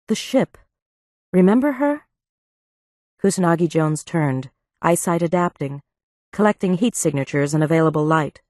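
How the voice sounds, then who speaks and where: A woman narrating an audiobook with an even, measured delivery on a close studio mic. Her voice sits on the lower side. The recording is dry, with no room sound. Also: dry recording. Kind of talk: scripted narration.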